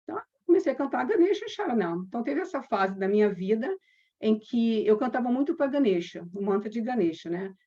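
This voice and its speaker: Brazilian woman telling her yoga story. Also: on the high side. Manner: lively anecdotal telling with quoted dialogue and slow chanted mantras. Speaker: yoga teacher. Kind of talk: personal storytelling with mantra chanting. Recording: dull lo-fi sound.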